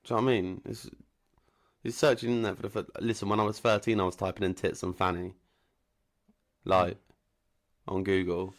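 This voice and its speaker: A young man from Wiltshire with a southern English accent and a fairly low voice. He co-hosts in loose, casual banter, full of slang and swearing, and keeps things jokey. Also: flat delivery, brisk, long pauses. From Wiltshire, England. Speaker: podcast co-host.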